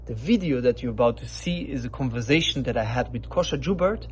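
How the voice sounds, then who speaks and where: A man's voice: medium pitch, animated, brisk. A man hosting his own video, giving a casual, upbeat introduction. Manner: upbeat, casual, with a pirate-style sign-off. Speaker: host. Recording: faint background noise.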